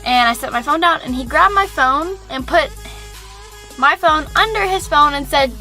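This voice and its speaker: A woman's voice: high voice, moderate pace, sharp tone, faint music behind. A young woman telling a story on her vlog in a chatty, indignant way, saying "like" often. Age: young adult. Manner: chatty, heavy use of "like". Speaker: vlogger. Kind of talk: casual story-time vlog.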